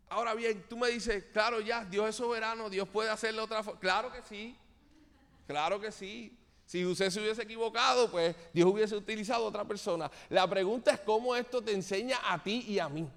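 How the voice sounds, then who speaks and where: A man's voice: sits high, big-room sound. A man from Cuba preaching a sermon to a church congregation, speaking earnestly and turning often to address his listeners directly. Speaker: pastor.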